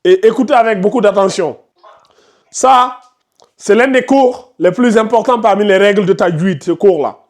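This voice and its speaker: A man teaching Quran recitation to a class in a classroom, explaining patiently, repeating himself and firmly hushing chatty students. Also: sits high, normal speed. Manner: firm, scolds chatty students and asks the class questions; explains patiently with many repetitions. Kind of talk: classroom tajwid lesson.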